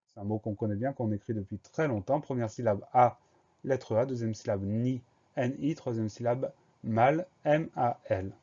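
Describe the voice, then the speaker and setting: A man teaching a spelling lesson for young schoolchildren, going slowly and spelling each word letter by letter. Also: medium pitch, warm tone, lo-fi sound. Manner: slow, spells words letter by letter.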